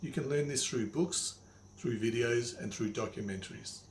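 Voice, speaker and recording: Older male, wise elder mentor type for motivational instruction. Didactic, plain-spoken, mid-range pitch, recorded in an echoey room. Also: normal speed. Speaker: money coach, presenter. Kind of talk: motivational instructional monologue to the viewer. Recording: echoey room, faint background noise.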